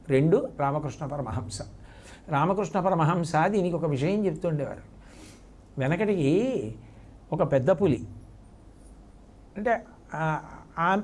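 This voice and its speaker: A man giving a devotional sermon, telling a story vividly and repeating words for effect. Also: on the high side. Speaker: spiritual discourse speaker.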